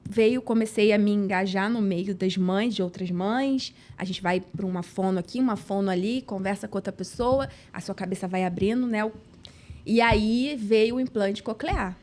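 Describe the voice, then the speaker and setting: With a slightly mellow, mid-range voice, a Brazilian woman from São Gonçalo, Rio de Janeiro state, recounts something personal on a podcast. She's earnest and emotional, acting out each line of dialogue.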